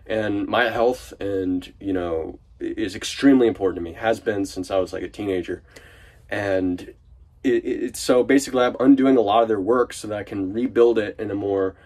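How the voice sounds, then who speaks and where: This man's fairly low, darkish voice moves at a normal speed, nasal from a cold. He's a vlogger giving a casual, meandering update from inside a van that isn't finished yet, with many fillers and restarts.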